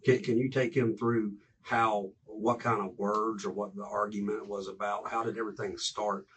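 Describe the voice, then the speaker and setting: A man working as a police detective, asking halting, probing questions in an interrogation. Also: lowish voice, level tone, a bit bright. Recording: interrogation room recording with faint noise.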